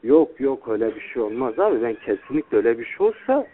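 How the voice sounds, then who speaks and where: A man's voice: medium pitch, big pitch swings, fast talker, slight background noise. Tinny phone voice of a young man. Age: young adult. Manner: deferential, repeatedly addressing the listener as older brother. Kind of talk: informal phone conversation. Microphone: telephone. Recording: tinny, band-limited recorded phone call.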